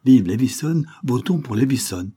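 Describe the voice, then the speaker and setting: A man reading the lines of an agitated older judge, excited and exclaiming. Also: medium pitch, moderate pace, slightly rough, voice pushed up.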